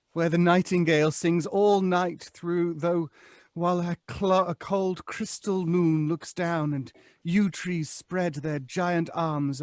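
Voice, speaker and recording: A lonely old ghost for a radio play, pompous and dramatic, higher male voice. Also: no echo, clean studio sound. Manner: pompous, theatrical, drawn-out phrasing. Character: lonely, haughty centuries-old male ghost, weary and theatrical. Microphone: close studio microphone.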